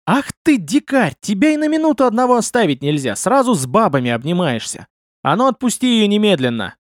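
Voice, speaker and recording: A fiery young woman scout, quick to jealousy, rises in a raised, swooping voice as a man puts her on for an audiobook. She scolds with indignant bite, recorded dry and close. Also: high-pitched, wildly swooping pitch, a little mellow, slightly rough, no echo, pitched above the performer's own voice, full character voice. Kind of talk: audiobook character voice.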